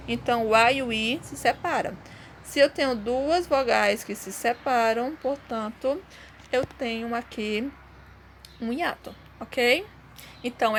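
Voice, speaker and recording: Her voice fairly high and creaky, a Brazilian woman leads a recorded online Portuguese class, patiently breaking things down step by step and regularly checking on her students. A little hiss or hum can be heard.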